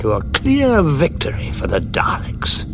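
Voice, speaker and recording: An actor playing a weary, guilt-ridden warrior with a bitter conscience in an audio drama, grave and brooding. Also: male voice, fairly high pitch, huge pitch swings, a little slow, over music.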